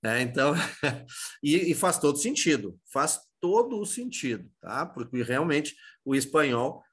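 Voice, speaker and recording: A man with a Brazilian Portuguese accent gives an exam-prep Spanish lesson in a slightly high voice. He poses questions and answers them himself, with a loose, informal delivery full of restarts. He sounds middle-aged. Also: big pitch swings, measured pace, fairly bright tone, husky. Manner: explanatory, asks and answers his own questions; many fillers and restarts, informal. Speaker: Spanish teacher.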